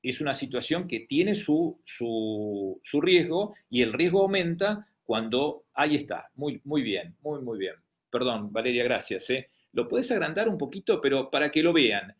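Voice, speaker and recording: With a medium-pitched, sing-song, unhurried voice, a man with an Argentine Spanish accent presents a medical lecture online. He repeatedly falters with fillers and restarts, and the recording has the dull, lo-fi quality of a video call.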